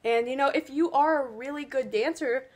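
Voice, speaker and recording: A woman's voice: high-pitched, normal speed. A teenage girl chatting casually while doing her makeup, giving earnest cheer tryout advice with lots of fillers. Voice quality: loud voice. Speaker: beauty vlogger. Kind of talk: casual get-ready-with-me chat.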